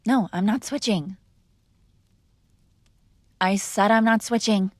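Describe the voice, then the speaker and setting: A young woman in a mid-range voice speaks slowly, acting out a defiant, sarcastic mob boss's daughter fighting with her father. The piece is a scripted ASMR girlfriend roleplay with studio quality and no room sound.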